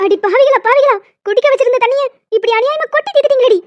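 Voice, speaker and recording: A woman voicing a bossy old village grandmother in a cartoon, who shouts insults and threats. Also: very high voice, lively intonation, quick pace, highs cut off, over music. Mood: outraged.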